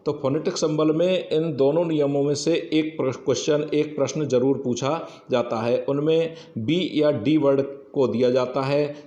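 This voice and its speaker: A man's voice: medium pitch, dark tone, reverberant, dull audio. A man giving an exam-prep English lesson, explaining rules step by step and often saying "yes, friends". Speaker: English teacher.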